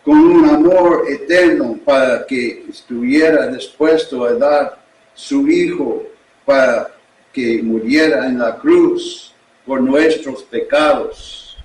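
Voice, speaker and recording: Male pastor with an English accent, preaching slowly in his second language; recorded in a roomy space from a distance. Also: mid-range voice, darkish tone. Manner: slow, deliberate preaching in a learned second language. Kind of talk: sermon. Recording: echoey room, distant mic.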